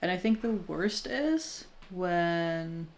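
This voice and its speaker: Her voice fairly low, her intonation lively and her pace slow, a woman from Norway in her thirties chats with viewers on her crafting stream; a little hiss or hum is audible. The conversation is casual and candid, and she's reflective and self-deprecating, often reworking sentences from the start.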